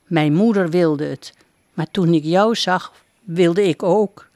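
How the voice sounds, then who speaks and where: A woman's voice: lowish voice, takes it slowly, a little mellow, no echo. A woman reading a storybook aloud and voicing a shy, humble young prince who speaks modestly.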